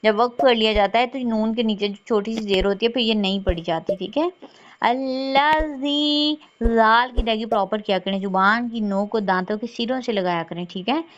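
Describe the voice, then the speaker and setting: A woman teaching Quran recitation rules patiently, saying words slowly and repeating them. She often checks in with "theek hai" and. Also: medium pitch, fairly even intonation. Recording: dull lo-fi sound.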